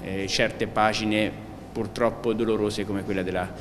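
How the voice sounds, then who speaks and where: A man's voice: lowish voice, level tone, measured pace. A man, a politician, giving a formal, earnest speech in a council chamber. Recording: reverberant council hall with noise.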